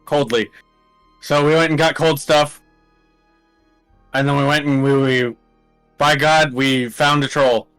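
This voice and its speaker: A man's voice: on the high side, level tone, measured pace, long pauses, fairly bright tone, smooth, faint music behind, poor audio. A man recapping a tabletop game as a player in casual banter, rambling and jokey with crude asides.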